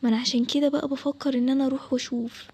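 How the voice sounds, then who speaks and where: A woman's voice: high voice, flat delivery, racing, breathy edge. A woman with an Egyptian accent voicing a bold young boy who confidently reassures and coaxes. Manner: confident, reassuring, hushed at times. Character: bold young boy Adam, daring treasure hunter.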